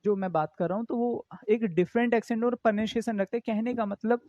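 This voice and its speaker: A man's voice: high-pitched, brisk, dark tone, no echo, muffled recording. Male teacher quizzing students. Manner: explains in Hindi with English terms, asks students repeated questions. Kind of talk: exam-prep English grammar class.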